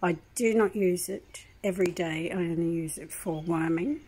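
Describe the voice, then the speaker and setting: An older woman talks casually in her kitchen, rambling through an aggrieved personal story with plenty of ums. Her voice sits a bit low, and a faint hum of room noise sits behind her. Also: normal speed, mellow, poor audio. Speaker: vlogger. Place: home kitchen.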